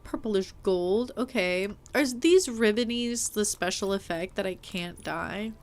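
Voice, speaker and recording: Chatting casually while playing a game, a woman live streamer with a mid-range voice speaks at a measured pace. She's animated and playful, teasing her chat, poking fun at herself, and dropping lots of "like" and some mild swearing.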